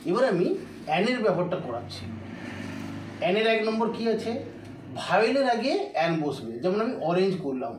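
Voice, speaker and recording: A man teaching a grammar lesson, repeating words slowly and answering his own questions. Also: high voice, a little mellow. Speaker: English teacher. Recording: echoey room, mic far off.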